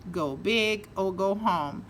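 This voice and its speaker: A woman from Brazil, an English teacher, talks through common phrases in a relaxed video lesson. She explains patiently and acts out example lines. Faint noise hums behind her voice. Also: medium pitch, extremely slow.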